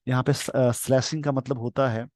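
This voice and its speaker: A man's voice: medium pitch, fairly even intonation, darkish tone, no room sound. Man explaining English vocabulary. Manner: reads English slowly word by word, then explains quickly. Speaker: teacher. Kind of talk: explaining an English newspaper editorial.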